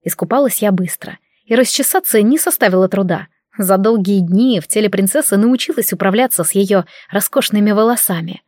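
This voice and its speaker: A woman's voice: mid-range voice, a little fast, darkish tone, no echo. Female audiobook narrator, mid-range voice, wry conversational first-person read, dry studio.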